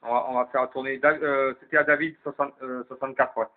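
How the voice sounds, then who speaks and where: This man runs a round of calls on an FM CB radio link, chatting casually and thinking aloud before passing the turn along. He talks fast in a medium-pitched voice with fairly even intonation. The transmission sounds tinny and narrow-band, and his manner is colloquial and relaxed.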